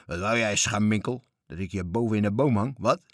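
A man voicing a blustering pirate with a wooden leg in a storybook reading, bellowing gruffly. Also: fairly low pitch, a little fast, a bit bright, no room sound, clean studio sound, close to an everyday voice. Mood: menacing.

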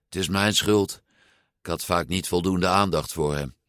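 A man voicing a quiet, consoling father who blames himself, in a storybook reading. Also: deep voice, a little slow, clear, resonant tone, no room sound, clean studio sound. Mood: regretful. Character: gentle, regretful father, adult man.

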